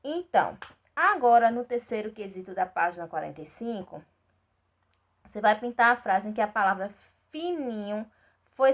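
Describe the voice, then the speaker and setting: A woman with a Brazilian Portuguese accent leads a recorded lesson for small children. Her voice sits a little high, and she drags out syllables one by one. She keeps asking whether they follow. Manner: patient, repeats and checks in with "tá certo?"; spells out syllables slowly and clearly. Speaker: primary school teacher.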